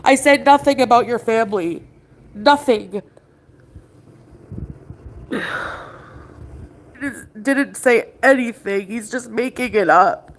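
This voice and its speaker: Upset woman livestreaming, kinda high voice with lots of vocal fry, arguing back at someone. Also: slow pace, long pauses, low-quality recording. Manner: agitated, arguing with someone offscreen and addressing the chat. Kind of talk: emotional livestream rant.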